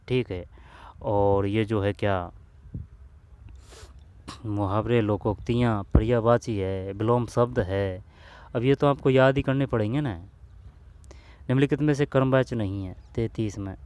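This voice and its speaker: A man's voice: lowish voice, darkish tone, clean tone. A man coaching viewers through old exam grammar questions in a casual lesson. He thinks aloud, repeats phrases to himself, and often checks whether the listener has understood. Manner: addresses viewers as bhai, asks if they understood.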